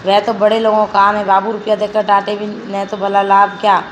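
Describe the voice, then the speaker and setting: A woman's voice: medium pitch, little pitch movement, normal speed, slight background noise, lightly acted. A woman voicing a poor, humble older village woman while reading a textbook story aloud. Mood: matter-of-fact.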